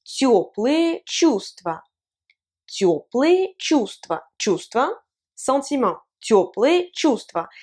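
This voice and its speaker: A woman whose first language is Russian gives a language lesson in French. Her voice sits slightly high, and she moves at an unhurried pace, repeating each example word with patient care. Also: a little mellow. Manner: slow, careful repetition of example words.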